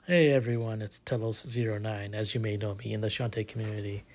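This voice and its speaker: A man speaking earnestly in a casual monologue, halting often with filler words. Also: on the low side, fairly even intonation, darkish tone, slight background noise. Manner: earnest, halting with ums and uhs. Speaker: community member.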